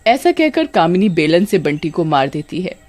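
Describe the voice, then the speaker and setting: Female storyteller, steady scripted narration of a scary tale. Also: lowish voice, moderate pace.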